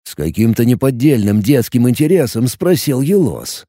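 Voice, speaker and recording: A man narrating a fantasy audiobook with an expressive storytelling delivery. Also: medium pitch, moderate pace, dry recording, studio quality.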